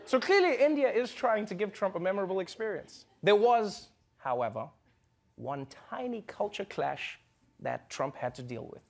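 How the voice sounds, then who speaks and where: High-voiced man doing a comedy monologue. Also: moderate pace, vocal fry. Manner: joking, animated, breaks into impressions. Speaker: comedy show host. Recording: studio audience laughter and noise.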